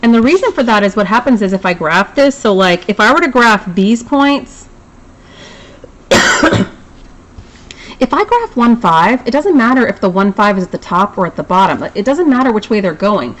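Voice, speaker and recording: Casual woman teacher, mid pitch, chatty with jokey asides. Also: expressive, normal speed, rough recording. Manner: chatty, self-deprecating asides. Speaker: math teacher. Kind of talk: recorded classroom lesson.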